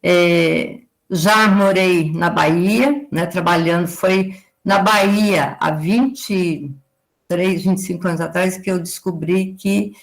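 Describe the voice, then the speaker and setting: A woman's voice: fairly low pitch, steady tone, slow pace. A woman in her forties from southern Brazil giving a lecture as an agricultural consultant, explaining at length and tagging her sentences with a questioning "right?". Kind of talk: live lecture to students.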